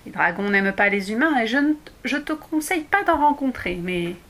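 A woman's voice: fairly high pitch, big pitch swings, brisk, fairly bright tone. A woman voicing a friendly forest salamander who kindly explains and guides, recorded in an echoey room.

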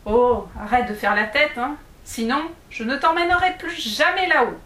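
Une femme qui joue un petit nain calme et un peu grondeur, dans un conte lu à voix haute. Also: female voice, fairly high pitch, a little slow, heavily acted. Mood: annoyed. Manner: unflustered, a little scolding. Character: small male dwarf, calm and teasing. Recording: echoey room.

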